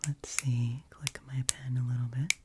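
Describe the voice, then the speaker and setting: Woman, ASMR finger-tapping ramble, close-up whisper, very low, soft and intimate, noisy recording with clicks. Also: flat delivery, moderate pace. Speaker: ASMR channel creator and host. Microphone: very close microphone with cover off.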